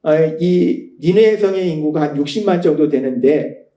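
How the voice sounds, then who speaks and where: A man's voice: a little high, normal speed, dark tone, roomy sound. A man preaching a Sunday sermon as pastor, talking in a conversational way and asking his listeners rhetorical questions. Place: church sanctuary.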